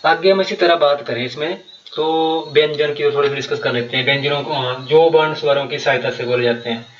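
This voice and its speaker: A man's voice: on the high side, brisk, reverberant, far from the mic, highs cut off. A man teaching a grammar lesson for exam preparation, explaining step by step and repeating key terms with many fillers. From Himachal Pradesh, India.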